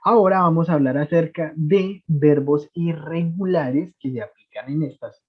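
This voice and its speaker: A man's voice: fairly high pitch, normal speed, husky. A man, explaining English grammar to a class over a video call, chatty and repeating words as he goes. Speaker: English teacher. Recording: tinny phone-like line.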